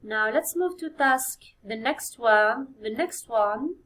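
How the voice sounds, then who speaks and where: Algerian woman, English teacher, high voice, slow deliberate review lesson, repeats key words. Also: animated, a bit bright, low-quality recording. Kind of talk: classroom exam review lesson.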